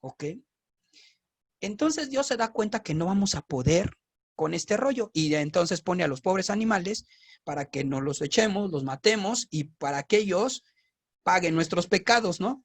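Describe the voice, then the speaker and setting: A man with a Mexican accent, teaching scripture in a casual, lively style and often asking his listeners rhetorical questions. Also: high voice. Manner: animated, asks the audience rhetorical questions.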